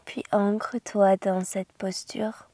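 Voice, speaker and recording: A woman teaches yoga in a soothing, gentle voice. Her tone is dark and soft, breathy to the edge of a whisper. She guides slowly, with long, unhurried phrasing and a calm, narrow melody. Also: medium pitch. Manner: soothing, slow, gentle guidance.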